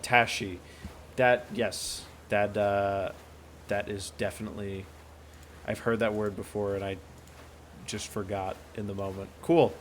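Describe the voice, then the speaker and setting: Guy running a tabletop game, slow and kinda low-voiced, faint hiss in the background. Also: little pitch movement. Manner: slow, searching descriptions. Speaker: game master.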